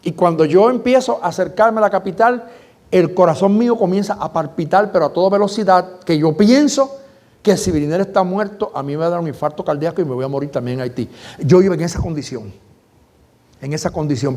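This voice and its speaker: A man's voice: on the high side, a little mellow. A middle-aged man, a pastor, telling an emotional testimony in a sermon and addressing his congregation directly.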